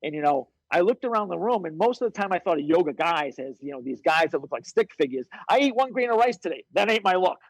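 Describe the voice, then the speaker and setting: A man who works as a fitness coach, telling stories as a podcast guest in a blunt, profane, animated way. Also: high-pitched, fast, creaky, few pauses, dry recording, poor audio. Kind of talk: casual interview storytelling.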